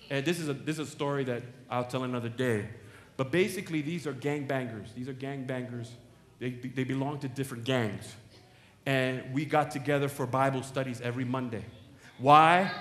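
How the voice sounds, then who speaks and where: A male pastor preaching a sermon in animated storytelling style, laughing and acting out the voices of people in his stories. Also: medium pitch. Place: large church sanctuary. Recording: echoey church sanctuary.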